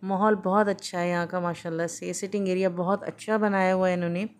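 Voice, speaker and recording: A woman's voice: fairly low pitch, steady tone, fast. A woman, chatting upbeat to her vlog viewers, filmed on a phone held at arm's length. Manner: chatty, upbeat, enthusiastic recommending. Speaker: lifestyle vlogger. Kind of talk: casual vlog narration. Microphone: phone camera at arm's length.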